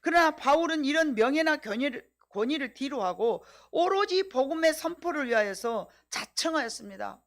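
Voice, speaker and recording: Woman pastor, middle-aged, high voice, emphatic sermon delivery with rhetorical questions. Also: expressive, normal speed, hardly any pauses.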